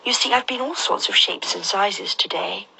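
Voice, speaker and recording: A woman voicing Alice, a polite and bewildered young girl, in a high, prim girlish voice for a storybook reading. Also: normal speed, gravelly, pushed and bright, husky, exaggerated voice, poor audio. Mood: uncertain.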